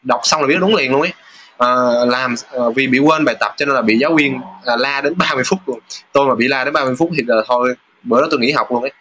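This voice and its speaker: Man, casual lesson, bright tone, slight background hiss. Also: medium pitch. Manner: casual, chatty, with filler sounds and reading sentences aloud slowly. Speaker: Japanese teacher. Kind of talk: lesson going over test questions.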